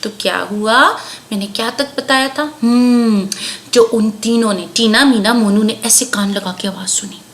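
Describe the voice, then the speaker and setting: A woman telling a story to children at a slow, animated pace, with drawn-out sound words. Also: a little high. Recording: echoey room, faint background noise.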